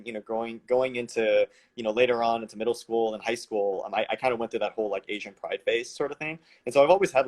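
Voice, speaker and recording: A man in his thirties from the San Francisco Bay Area answering interview questions over a video call, rambling casually with many fillers and restarts. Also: fairly low pitch. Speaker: guest, company founder.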